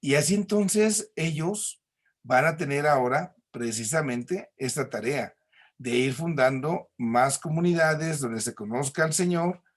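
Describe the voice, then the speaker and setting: A man's voice: fairly high pitch, a little slow. A man with a Mexican accent teaching a recorded church class, explaining patiently with homely examples and frequent tag questions.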